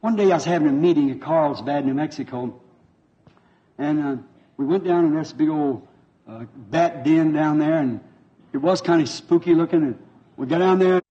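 A man's voice: fairly high pitch, measured pace, dark tone. Fervent preacher man on dull old tape. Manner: fervent, folksy, repeats himself. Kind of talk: revival sermon with interpreter.

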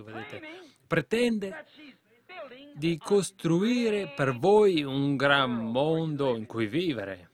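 A man preaching a fervent sermon to a congregation, building to loud exhortations. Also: medium pitch.

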